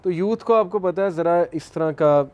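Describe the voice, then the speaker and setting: A man speaks for his youth club in a studio discussion. His voice is mellow and warm, and he explains his group's position in an earnest, agreeable way. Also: high-pitched, lo-fi sound. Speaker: youth club member, guest.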